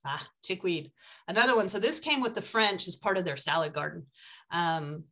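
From an indoor room, an older foraging guide presents slides informally over a video call, heard through her webcam. She speaks at normal speed in a voice on the low side and a bit bright, and she is enthusiastic and talkative, full of ums.

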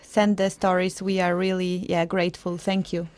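A woman's voice: on the low side, level tone, normal speed, darkish tone, no echo. A young woman co-hosting a live radio show, upbeat and reflective in casual talk. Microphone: studio microphone.

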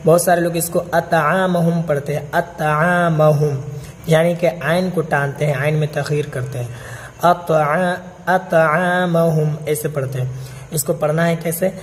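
A man teaching Quran recitation, chanting each verse slowly and then explaining pronunciation quickly, often checking with "theek hai?". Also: on the high side, steady tone, in a large hall, slight background noise.

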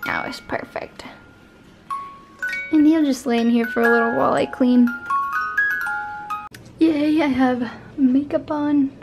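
Young mom vlogging at home, high voice, slow easy pace, music playing underneath. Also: female voice, fairly even intonation, highs cut off. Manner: cooing baby talk to her infant. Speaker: vlogger, new mother. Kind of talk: casual home vlog. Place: home nursery.

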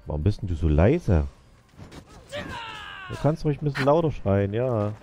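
A man's voice: fairly low pitch, big pitch swings, normal speed, highs cut off, over music. A man casually commenting while playing a video game, muttering to himself and talking to the characters on screen. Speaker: let's play gamer.

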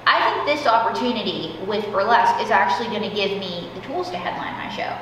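A woman's voice: medium pitch, expressive, fast talker, fairly bright tone. A young woman chatting casually and emphatically as a comedian being interviewed on stage. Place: indoor theater stage. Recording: echoey hall, distant, faint noise.

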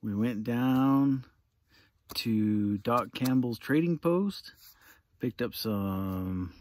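A father in his thirties recaps a camping trip to his small daughter for a casual family vlog, coaxing her along with questions. He films on a phone held selfie-style at arm's length, outdoors in desert scrub. His voice is medium-pitched and a little mellow, with drawn-out words.

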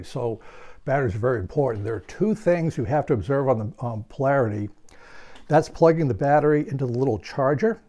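A man's voice: medium pitch, warm tone. An older man giving a hands-on product tutorial in his home workshop, explaining steadily and stressing key points. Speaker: hobby reviewer.

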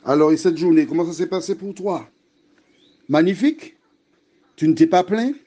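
A man's voice: high-pitched, moderate pace, warm tone, muffled recording. A man giving an evening devotional sermon, addressing the listener directly and exhorting them. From French Antilles. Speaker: preacher.

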